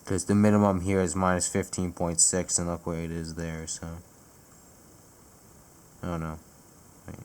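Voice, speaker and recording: Young man, deep voice, profane, casual weather-vlog chat full of self-corrections. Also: monotone, normal speed, long pauses, a little mellow, a little hiss or hum. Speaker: amateur weather vlogger.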